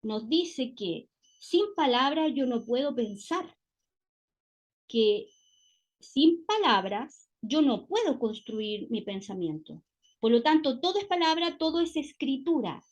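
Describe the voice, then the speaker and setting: A Chilean woman teaching a class, her voice sitting a little on the high side. She works through each idea step by step in a relaxed lecture style. She keeps checking in with her listeners through short tag questions. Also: slow pace, muffled recording.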